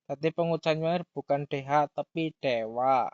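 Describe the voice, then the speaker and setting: A man giving a grammar lesson, who talks slowly, repeats key words and reads example sentences aloud. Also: on the high side, darkish tone, dry recording. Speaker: language teacher. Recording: dull lo-fi dry sound.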